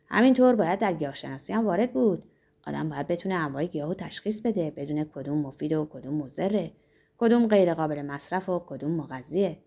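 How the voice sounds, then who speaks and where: A woman's voice: low voice, warm tone, voice pushed down. A woman doing a pompous lecturing male pharmacist. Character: pompous self-important middle-aged male pharmacist.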